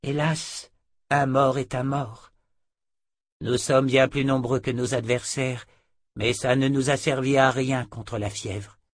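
A somber sorceress lectures her emperor on death and danger, as a man reading the book puts her on. The voice sits noticeably higher than his narration, and the reading is dry and close, with no room sound. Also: steady tone, takes it slowly, dry recording, natural voice. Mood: grave. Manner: lecturing, grave. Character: weary sorceress sister, somber and grave.

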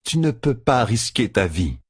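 A man plays a stern sorceress in a fantasy audiobook, lifted a little above his husky reading voice. She is cold, cutting and lecturing, over a dry, close sound. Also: mid-range voice, very animated, measured pace, dry recording, voice pushed up, exaggerated voice. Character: cool, stern, sharp-tongued female sorceress.

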